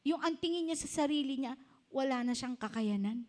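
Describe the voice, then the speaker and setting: A woman's voice: sits high, normal speed, warm tone. A woman in her fifties giving an earnest, personal testimony sermon in a church, switching into English now and then. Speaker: preacher.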